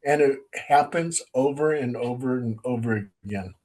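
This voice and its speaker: A man who is a paranormal investigator and co-host, telling stories in a casual, animated way and acting out quotes. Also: mid-range voice, moderate pace, rough recording. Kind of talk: casual storytelling chat.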